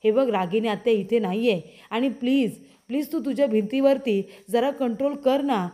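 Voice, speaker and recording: Voicing a young husband in a TV serial, a woman narrator has him soothingly repeat his pleas as he coaxes his wife to settle down. The slightly high, warm voice moves at normal speed and stays close to an everyday speaking voice.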